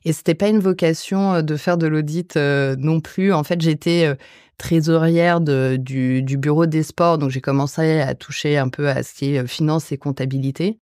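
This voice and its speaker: A woman in her forties from the Paris region, a guest in a podcast interview, answering hesitantly with many filler pauses. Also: low voice, fairly even intonation, darkish tone, dry recording, clean studio sound. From Paris region, France. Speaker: guest investor.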